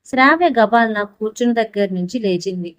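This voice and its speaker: A woman reads a story aloud with steady, even storytelling. Her pitch sits in the middle. The recording is dry and close-miked. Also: fairly quick, dry recording. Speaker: audiobook narrator. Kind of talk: scripted story narration.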